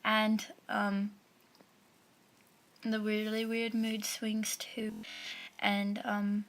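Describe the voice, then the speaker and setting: In a casual personal vlog, she talks openly and profanely about what she's been through, using many fillers while a stutter and speech impediment lead her to repeat words. The young woman's medium-pitched voice is monotone with drawn-out words, against slight background noise.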